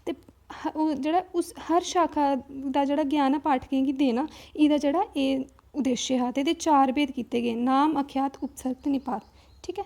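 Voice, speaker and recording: This exam-prep lesson comes from a woman with a Dogri accent whose high, mellow voice keeps a steady tone at a moderate pace. She explains one step at a time, often checking in and restarting sentences.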